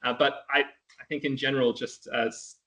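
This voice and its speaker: Answering audience questions following his academic talk, this man from Wales sounds hesitant, restarting often and using many fillers, though he laughs easily. His voice is medium-pitched with little pitch movement, bright, forceful and husky, at normal speed, and the recording quality is low.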